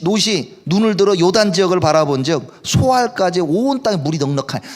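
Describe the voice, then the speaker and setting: A male pastor preaching at a live worship service, with a high voice that swings widely in pitch. He talks in a conversational way and keeps asking his listeners questions. His delivery is lively and expressive. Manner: conversational, asks the congregation questions. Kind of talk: sermon.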